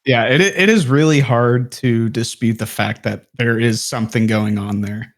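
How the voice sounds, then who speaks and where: Male podcast guest, easygoing, mid pitch, hesitant fillers. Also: moderate pace. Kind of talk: casual book discussion.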